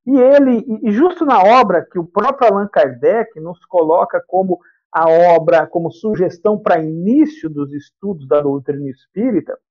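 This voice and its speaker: A guest lecturer from the interior of São Paulo state, Brazil, gives a spiritist talk, repeating and rephrasing points to explain them. His voice sits high and his pace is moderate, captured in dull lo-fi audio.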